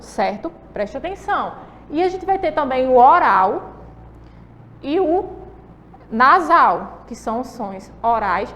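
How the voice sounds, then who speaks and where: High-voiced Brazilian woman teaching children. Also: long reverb tail, slight background noise. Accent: Brazilian Portuguese. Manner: patient, drawn-out explaining with frequent checking questions. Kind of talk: classroom lesson for children.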